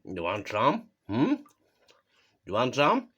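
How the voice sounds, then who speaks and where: This Yorkshire man has a mid-range, slightly rough voice that's a bit bright, swooping wildly in pitch as he takes things slowly. Hosting a mock cooking video in his kitchen at home, he's jokey and self-mocking, chuckling between lines.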